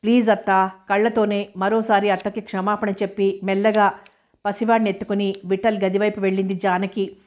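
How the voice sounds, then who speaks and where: A woman narrating a novel in an even, measured audiobook reading. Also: medium pitch.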